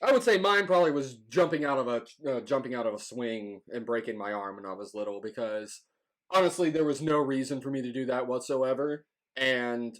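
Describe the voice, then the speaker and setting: A man hosting a casual challenge vlog, talking informally and repeating phrases for emphasis. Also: mid-range voice. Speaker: host of a hot wings challenge.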